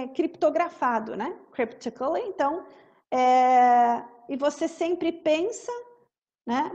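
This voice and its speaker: Woman teacher going over english song lyrics, high voice, talks real slow, keeps repeating words. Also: muffled recording. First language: Portuguese. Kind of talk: song-based English lesson.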